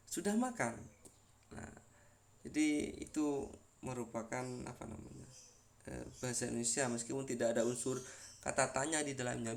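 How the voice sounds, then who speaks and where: A man's voice: mid-range voice, vocal fry. A man giving a university lecture, explaining step by step with frequent fillers and repeated words.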